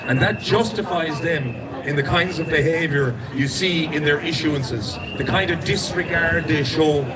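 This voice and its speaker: A man's voice: fairly high pitch, moderate pace. West of Ireland man addressing a noisy crowd. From Galway, Ireland. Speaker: protest speaker. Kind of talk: impromptu public speech. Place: outdoors in a city street among a crowd. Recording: outdoor street, very loud crowd.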